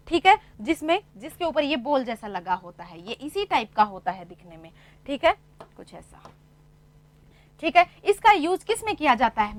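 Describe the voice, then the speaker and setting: High-voiced woman teaching a class. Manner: patient, repeats points with rhetorical questions. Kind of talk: classroom lesson explaining computer basics.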